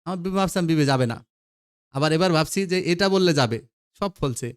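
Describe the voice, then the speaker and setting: A man's voice: a little high, expressive, fairly quick, pitched above the performer's own voice, close to an everyday voice. A proud, touchy old holy man, voiced by a man reading a play aloud, speaking in stately, old-fashioned phrases. His indignation flares into aggrieved outbursts. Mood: musing. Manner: stately archaic speech, rising to indignant outbursts.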